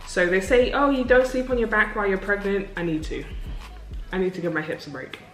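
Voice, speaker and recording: A woman's voice: medium pitch, lively intonation, fairly quick. Young woman chatting candidly to camera, swears a lot, roomy echo, faint music under it. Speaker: vlogger. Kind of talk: casual sit-down Q&A.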